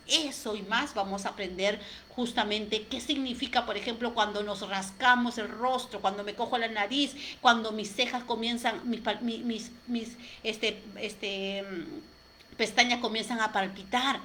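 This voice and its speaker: A woman giving an expressive talk on communication, speaking straight to her listeners with rhetorical questions and dropping to a soft, quiet voice to stress a point. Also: fairly high pitch, unhurried, slight background noise. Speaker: communication coach. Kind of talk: motivational talk to camera.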